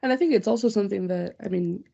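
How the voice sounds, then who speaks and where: A podcast host moderating a panel discussion, speaking briskly and prompting the guests with "mm-hmm" and "yeah". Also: mid-range voice, vocal fry, dark tone, breathy edge, lo-fi sound.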